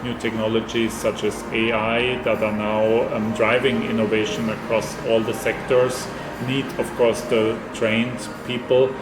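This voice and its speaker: Man, director type, steady monotone answers with hesitant ums, roomy echo, music underneath. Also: on the low side. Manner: measured, flat delivery with frequent ums and restarts. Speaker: institute director, interview guest. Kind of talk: formal interview answers.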